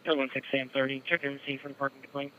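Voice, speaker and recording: A man's voice: mid-range voice, flat delivery, racing. A man, a police officer, calling in terse call signs and numbers over a police radio with bursts of static. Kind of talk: clipped police radio traffic. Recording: lo-fi scanner radio with faint hiss.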